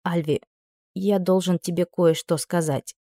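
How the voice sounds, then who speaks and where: Gentle soft-spoken young prince voiced by a woman. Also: on the low side, steady tone, measured pace, no echo, studio quality.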